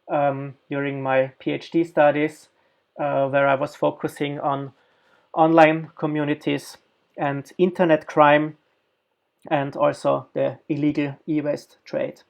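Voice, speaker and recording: Here a man from Austria who works in design and research delivers a guest lecture in an academic setting. His speech halts often and is full of fillers, with a creaky voice on the high side.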